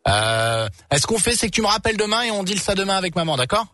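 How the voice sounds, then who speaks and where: A man's voice: sits high, sing-song, fast, bright, forceful tone, no echo. A young man hosting a late-night call-in radio show from a studio, joking and teasing the callers. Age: young adult. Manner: teasing, jokey, talks over callers. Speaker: radio host. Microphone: studio microphone.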